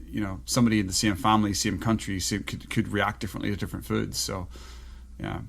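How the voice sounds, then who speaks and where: A man's voice: fairly low pitch, flat delivery, quick pace, vocal fry, fairly bright tone. A man hosting a podcast, telling rambling, anecdotal stories in casual conversation. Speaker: podcast host.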